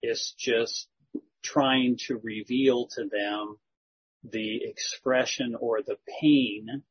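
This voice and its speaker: A man, a church elder, calmly and thoughtfully explaining scripture in a slow, measured way during a group discussion. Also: mid-range voice, slight background noise. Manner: measured, thoughtful, gently corrective. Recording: dull lo-fi recording.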